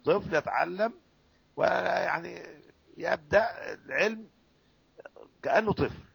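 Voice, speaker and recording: A man's voice: high voice, lively intonation, measured pace, gravelly, a bit bright, husky, dry recording, lo-fi sound. A man with an Egyptian accent, a sheikh explaining a classical recitation text to students, drilling sounds syllable by syllable and quizzing his listeners. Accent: Egyptian Arabic.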